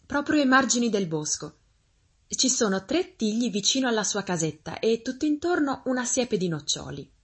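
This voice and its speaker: A woman voicing a cheerful little girl in a fairy tale, speaking high and eager. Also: very animated, moderate pace, breathy edge, heavily acted. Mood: chirpy.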